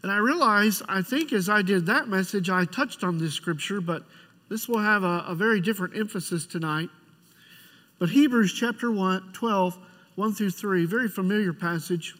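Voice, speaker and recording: Male preacher, middle-aged, high-pitched voice, conversational pastoral sermon, halting restarts, long church hall reverb. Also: a bit bright. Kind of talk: church sermon with personal storytelling and prayer. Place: large church sanctuary.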